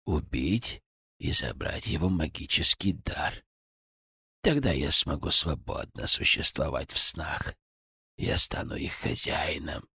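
A man voicing a menacing old male ghost sorcerer in an audiobook, speaking slowly in a hollow, cracked, triumphant voice. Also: sing-song, creaky, sharp tone, breathy edge, dry recording, studio quality, heavily acted. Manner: slow, low, triumphant menace. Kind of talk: audiobook character voice.

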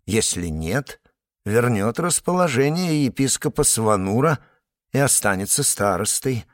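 A man reading a fantasy novel aloud in measured scripted narration. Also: medium pitch, animated, no echo, clean studio sound. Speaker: audiobook narrator.

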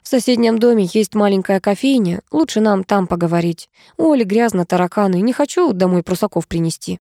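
A woman's voice: medium pitch, expressive, a little fast, warm tone, no echo, studio quality, natural voice. A woman voicing a tired, stout middle-aged woman who speaks in a sighing, level way.

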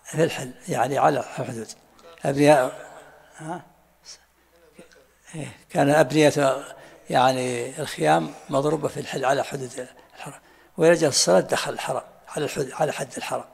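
Gravelly sheikh explaining quickly. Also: male voice, mid-range voice, fairly even intonation. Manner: interjects questions, explains in colloquial asides. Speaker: sheikh teaching a text. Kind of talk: explaining and commenting during a text reading. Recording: long hall reverb.

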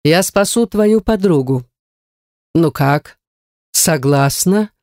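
A woman voicing a huge, menacing male dark god who speaks slowly and mockingly in a low voice. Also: animated, no echo, clean studio sound.

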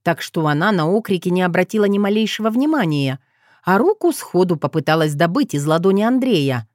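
A woman's voice: fairly low pitch, expressive, brisk, a little mellow, no room sound, clean studio sound. A woman narrating an audiobook, reading expressively and voicing the dialogue. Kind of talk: scripted narration.

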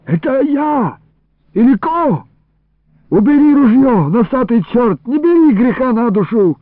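A man voicing a cantankerous old village man who wails and curses in loud, high outbursts, on a tinny old radio recording. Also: big pitch swings, a little slow, dry recording, exaggerated voice. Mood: wailing, pleading.

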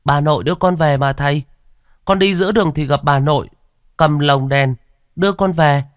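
A man's voice: on the high side, normal speed, clean tone, no room sound, clean studio sound, pitched above the performer's own voice, lightly acted. A man voicing a naive ten-year-old village boy who insists and pleads. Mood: pleading.

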